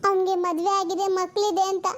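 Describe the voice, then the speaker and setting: A woman's voice: very high-pitched, little pitch movement, brisk. A woman doing a timid tearful young sister. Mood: confessing. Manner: hesitant, stammering, pleading.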